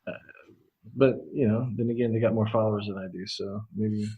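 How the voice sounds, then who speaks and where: A blunt man in casual podcast chat who swears now and then. His voice is husky and low-pitched, and it is captured on a dull, lo-fi mic. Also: fairly even intonation, fairly quick. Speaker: podcast co-host.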